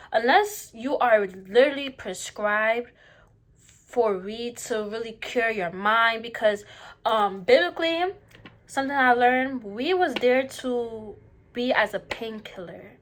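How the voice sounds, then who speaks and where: A young woman in a casual opinion monologue to viewers during a mukbang, slangy and emphatic, repeating phrases to drive points home. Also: a little high. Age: young adult. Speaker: vlogger.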